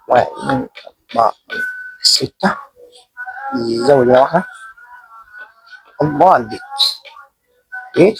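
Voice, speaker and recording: A man's voice: on the high side, creaky, breathy edge, no echo, rough recording. A young man with an Egyptian Arabic accent chatting casually as he plays, joking at himself and yelping when things go wrong. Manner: chatty, self-mocking, panicky yelps when attacked. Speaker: gaming channel host. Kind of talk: casual Minecraft let's play commentary.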